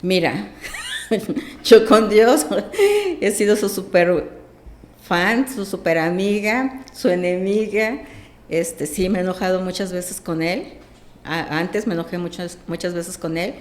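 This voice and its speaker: A woman, a podcast guest telling a personal story with lively acted-out dialogue. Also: fairly low pitch, takes it slowly, echoey room. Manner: animated, acts out quoted dialogue.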